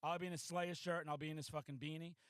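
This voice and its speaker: A man in his forties hosting a podcast in a hyper, loud, profanity-laced ranting manner. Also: a little high, level tone, racing, smooth, no echo. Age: 40s. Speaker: podcast host. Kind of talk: casual podcast chat.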